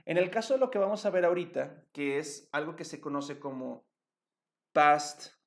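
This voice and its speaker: A man's voice: on the high side, animated, moderate pace. A man, teaching English grammar and stopping often to check that his students follow. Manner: patient, checks understanding with tag questions. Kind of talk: explaining grammar at a board.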